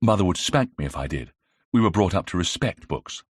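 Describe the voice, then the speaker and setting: Man doing a spirited young 1920s lady, huffy, prim, husky undertone, dry sound. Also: low voice, lively intonation, brisk, dry recording. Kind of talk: audiobook character reading.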